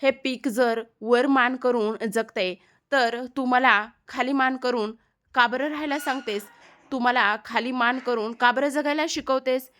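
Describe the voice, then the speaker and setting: A woman voicing a spirited, questioning young girl who talks back in a high, insistent voice. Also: moderate pace, fairly bright tone, a little hiss or hum, lightly acted. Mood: pleading.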